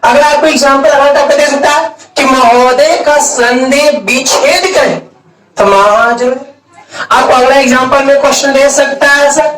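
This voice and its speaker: A man's voice: very high-pitched, steady tone, normal speed, fairly bright tone. A man teaching a grammar lesson at a board, asking questions and answering them himself, stretching out key words. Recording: echoey room, mic far off.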